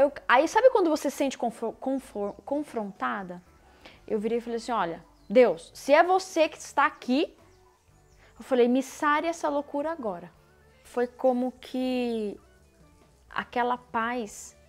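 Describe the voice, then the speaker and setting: Woman, Brazilian Portuguese accent, personal testimony, casual slangy storytelling, acts out her own lines, often hushed, slightly high voice. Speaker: person giving a faith testimony.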